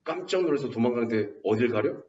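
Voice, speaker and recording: Lively man lecturing to a class. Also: mid-range voice, quick pace. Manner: animated storytelling, quizzing students with questions. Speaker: high school Korean teacher. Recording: roomy, distant, dull classroom recording.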